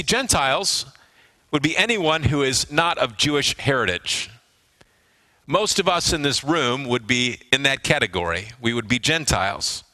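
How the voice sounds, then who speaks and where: A pastor delivers a sermon in a bright, forceful voice that sits a little high for a man. He is middle-aged and leans into pauses, letting key words fall low for emphasis. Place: church hall with congregation.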